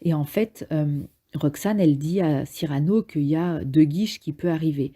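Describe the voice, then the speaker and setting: Low husky woman, hesitant casual summary. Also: moderate pace, mellow. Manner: hesitant, frequent fillers, thinks aloud. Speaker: literature summarizer. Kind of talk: casual spoken play summary.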